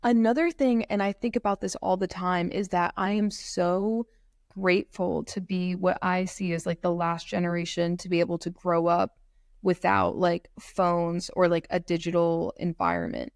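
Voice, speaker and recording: Speaking at a moderate pace in a fairly low voice, a North Carolina woman in her twenties, age twenty and studying law, guests on a podcast via a remote call. Recorded on a computer mic, the audio still has no room sound and studio quality, and she rambles with many "like" fillers.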